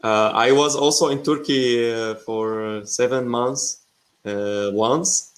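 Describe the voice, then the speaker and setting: A young Syrian man learning English chats hesitantly on a casual video call, full of fillers and restarts. He speaks slowly in a medium-pitched voice.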